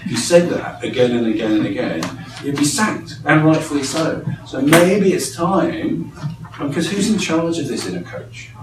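A man's voice: a little high, moderate pace, distant mic, noisy background. Man leading a training session in an echoey room. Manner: lively, engaging, quotes voices. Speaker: coach trainer.

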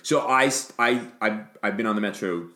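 A middle-aged man co-hosting a podcast in casual chat, animated and self-mocking, cursing when he rants. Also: on the low side, normal speed, roomy sound. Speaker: podcast co-host.

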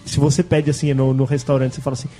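A man's voice: medium pitch, racing, soft background music. A man in casual chat among friends, telling restaurant stories and acting out waiters, swearing freely. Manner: animated storyteller, acts out waiters and customers, swears freely.

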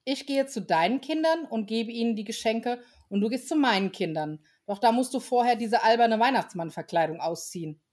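A woman's voice: a little high, lively intonation, a little fast, hardly any pauses, darkish tone. Woman doing a cheerful Father Christmas. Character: friendly, playful male Father Christmas.

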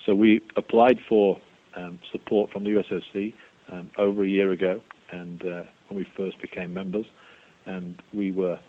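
Low, flat-toned man explaining in an interview. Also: normal speed. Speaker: interviewed sports executive. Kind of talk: interview answers, measured explanation. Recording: dull radio sound with faint hiss.

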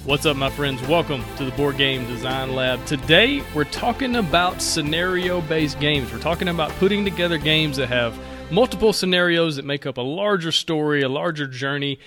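A man hosting a podcast interview, talking in an upbeat, friendly way and asking quick questions. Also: a little high, over music. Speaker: podcast host. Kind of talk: casual interview chat.

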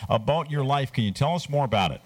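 A man's voice: medium pitch, expressive, fast, a little hiss or hum. A man co-hosting a casual radio chat, upbeat and asking the guest questions. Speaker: radio co-host.

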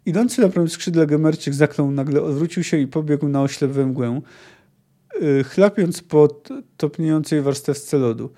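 A man's voice: fairly high pitch, normal speed, warm tone. A man hosting a book podcast, reading a fantasy novel aloud expressively and adding casual comments. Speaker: podcast host.

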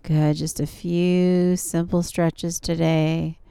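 A woman's voice: lowish voice, little pitch movement, slow pace, gravelly, mellow, clear, resonant tone, no room sound. A woman yoga instructor leading guided stretching and relaxation in a soothing, encouraging manner. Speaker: yoga instructor and show host.

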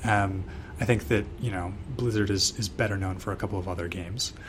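A man's voice: deep voice, fairly even intonation, fairly quick, noisy background. A man co-hosting a casual gaming talk show, speaking hesitantly with frequent restarts and fillers. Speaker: podcast co-host. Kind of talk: casual chat.

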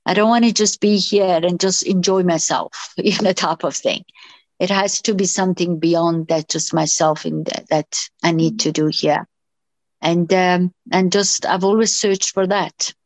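A middle-aged woman from Iran speaks as an interview guest, her voice pitched a little low. She talks haltingly, with fillers and restarts. The sound is dry and close. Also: fairly even intonation, no room sound. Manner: hesitant, many fillers and restarts. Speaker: guest, doctor. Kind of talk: interview answers.

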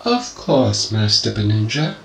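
A man's voice: lowish voice, very animated, measured pace, creaky, roomy sound, background noise, heavily acted. A man voicing a courteous, formal male robot butler in a storybook reading. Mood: polite. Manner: courteous, formal, addresses master dutifully. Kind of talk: audiobook character voice.

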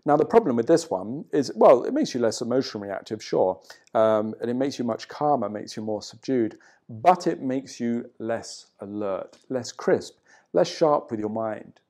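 A man's voice: medium pitch, expressive, normal speed, warm tone. A man giving a casual, conversational qigong lesson from a hotel room, talking loosely with plenty of "you know". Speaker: qigong teacher. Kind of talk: casual spoken teaching.

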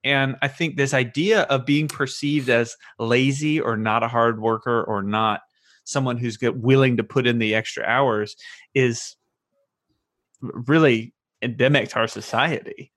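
Man, mid-pitch, hesitant podcast co-host, dry close sound. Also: fairly even intonation, unhurried, fairly bright tone, no echo. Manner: hesitant, restarts often. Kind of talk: casual discussion.

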